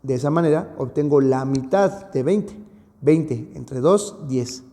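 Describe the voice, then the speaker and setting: Male math teacher, mellow tone, patient and repetitive explainer; recorded in a hall with long reverb. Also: medium pitch, measured pace. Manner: patient, repeats and stresses key points. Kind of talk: recorded video lesson.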